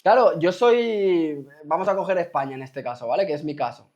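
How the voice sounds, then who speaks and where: The lo-fi recording captures a man from Spain hosting a casual talk for his viewers, his voice slightly high and somewhat dark in tone, animated and at a moderate pace. He often checks in rhetorically, repeatedly asking "¿me explico?"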